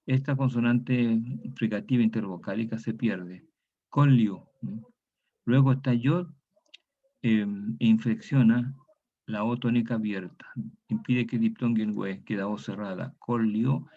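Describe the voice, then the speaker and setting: In a dull, lo-fi recording, a man with a lowish, mellow voice teaches an online class on historical grammar at a steady, slightly slow pace. He says every key word twice and frequently ends his points with a tag question.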